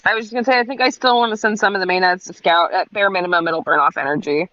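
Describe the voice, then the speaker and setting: A man's voice: high-pitched, very fast, bright, forceful tone. A man playing a tabletop game, eager and full of plans. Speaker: player. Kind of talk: casual tabletop play. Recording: slightly dull lo-fi sound.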